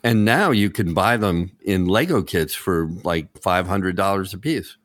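Deep-voiced man chatting on a podcast. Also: a little slow, no echo, studio quality. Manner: animated, enthusiastic, joking. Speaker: podcast host. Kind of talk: casual chat.

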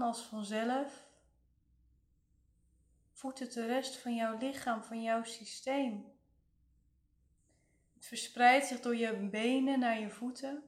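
A woman leading a guided relaxation meditation in a soothing, gentle way, leaving long pauses. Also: a little high. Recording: roomy, echoing voice recording.

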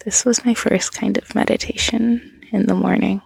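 A woman narrating a whispered role-play, speaking softly and intimately to the listener on a close mic. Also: mid-range voice, fairly even intonation, moderate pace, creaky, breathy edge, no room sound.

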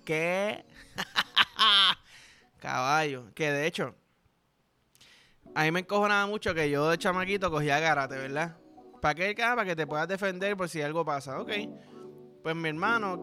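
Pushed and bright, slightly high in pitch, this young podcast host speaks with a Puerto Rican Spanish accent. His comedic show is casual, and he wanders through crude, playful tangents while repeatedly addressing the listener.

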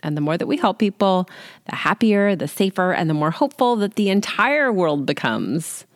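A woman's voice: lowish voice, very animated, normal speed, no echo, studio quality. A woman in her late forties hosting a solo podcast, chatting casually and informally into a handheld microphone in a small closet. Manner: chatty, informal, self-deprecating. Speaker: podcast host and life coach. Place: small closet at home, sitting on the floor. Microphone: handheld microphone without pop filter.

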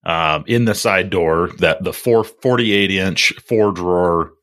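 Deep voiced guy, bright and punchy, rambly casual trade podcast chat, lots of you knows. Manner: rambling, halting storytelling with many filler words. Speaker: plumber and podcast host.

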